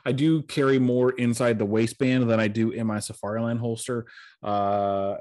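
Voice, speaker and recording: A man with a fairly low voice hosts a casual podcast, rambling through answers with plenty of ums and uhs. He sounds worn out after a long day. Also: darkish tone. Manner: rambling, filler-heavy, tired and yawning. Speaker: podcast host.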